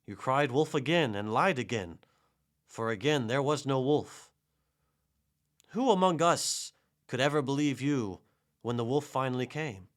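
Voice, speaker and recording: A man reading a storybook, voicing a stern older village woman who scolds slowly. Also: medium pitch, lively intonation, voice pushed up, lightly acted. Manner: slow, stern, reproachful.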